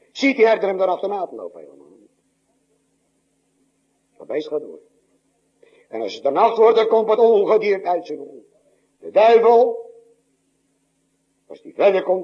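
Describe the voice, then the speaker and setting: A male preacher delivering a sermon, swinging between loud exclamations and hushed low asides, with a husky voice. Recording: dull lo-fi recording.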